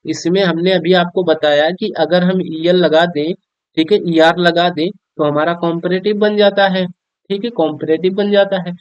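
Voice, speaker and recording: High-voiced Hindi-accented man teaching grammar. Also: steady tone, normal speed, smooth, dry recording. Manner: addresses students as children, frequent "theek hai" check-ins. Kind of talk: classroom grammar lesson. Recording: dull, dry lo-fi recording.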